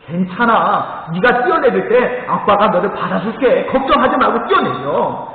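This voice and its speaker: A stern, insistent father coaxes his son in a parable, played by a preacher. The voice sits high and swings widely. It echoes in a reverberant hall through a narrow, tinny sound. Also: sing-song, normal speed. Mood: coaxing. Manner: coaxing, insistent.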